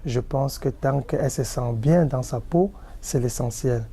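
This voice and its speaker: A man answers a street interview deliberately and slowly. His voice is very dark, gravelly and husky. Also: mid-range voice.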